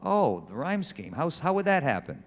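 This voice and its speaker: A man's voice: fairly high pitch, sing-song, moderate pace, big-room sound. A man acting as an attorney in a staged mock trial, asking probing, formal questions.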